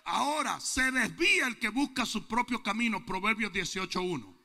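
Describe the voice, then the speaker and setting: A man preaching in a high, gravelly voice that swings from joking anecdotes to shouted, fervent declarations. His tone is very bright and cutting. The sound rings with the long reverb of a large church hall. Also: lively intonation, moderate pace. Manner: humorous storytelling building to shouted preaching. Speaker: pastor. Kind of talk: sermon.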